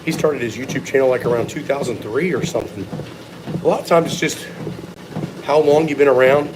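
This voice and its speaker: A man's voice: mid-range voice, brisk, background noise. A man giving blunt, opinionated, sometimes profane answers in a casual live question-and-answer chat as a strength coach.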